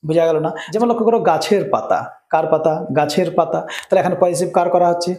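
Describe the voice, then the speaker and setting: A man's voice: high voice, fast, mellow, echoey room. A man teaching English grammar rules in a lesson, often checking in with his students. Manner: asks students rhetorical check-in questions.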